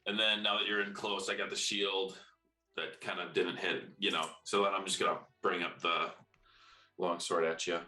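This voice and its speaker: A man with a very deep, bright voice casually plays a tabletop role-playing game. He thinks aloud as he calls out moves. The room is echoey. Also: little pitch movement, normal speed. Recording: roomy echo, faint music behind.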